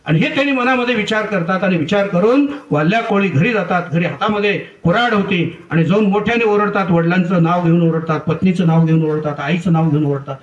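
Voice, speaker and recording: A man with a high voice narrates a devotional tale in an earnest, dramatic way. His voice echoes around a big gathering hall and is heard from a distance. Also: a little fast, few pauses, muffled recording. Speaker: religious storyteller. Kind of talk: devotional storytelling. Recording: echoey room heard from far off.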